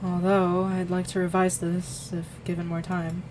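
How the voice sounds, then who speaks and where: Quiet young art student, as a woman reads him. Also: lowish voice, monotone, moderate pace, slight background noise, natural voice, poor audio. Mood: low-key. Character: calm young male art student, shy and laid-back.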